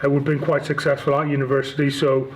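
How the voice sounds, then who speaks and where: The chief executive of a rugby league club, a man in his forties from Northern Ireland, gives casual, hesitant, stop-start answers as an interview guest in a Northern Irish accent. He talks fast at medium pitch with little pitch movement. The audio is poor, with a little hiss or hum.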